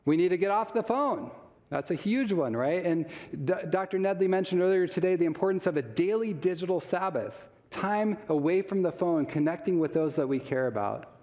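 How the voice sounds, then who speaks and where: A man's voice: high-pitched, animated, a little fast, highs cut off. A man giving a live health seminar talk, chatty and questioning the audience, chuckling often. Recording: long reverb of a large hall.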